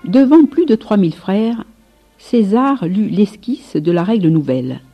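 Slow, solemn woman storyteller. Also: mid-range voice, lively intonation, slightly rough, faint music behind. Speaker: narrator. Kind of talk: storybook reading. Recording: slightly muffled recording.

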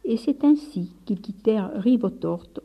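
Husky woman reading a story aloud. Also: a little high, lively intonation. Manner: measured, softly dropping to near whispers. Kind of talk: read-aloud story narration.

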